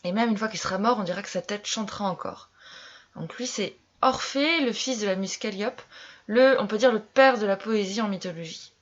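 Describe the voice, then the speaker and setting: A woman's voice: mid-range voice, normal speed, dull audio. A woman teacher giving a classroom lesson, repeating key terms and quizzing her pupils as she explains. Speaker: French literature teacher.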